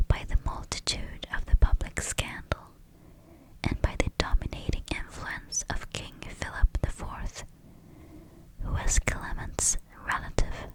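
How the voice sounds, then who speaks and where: A woman reads scripted history in a soft, unvoiced ASMR whisper. She is very close to the stereo microphone, whispering into one ear and then the other. Her delivery is very slow and measured. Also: rough recording. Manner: whispering close into the listener's ears, moving ear to ear.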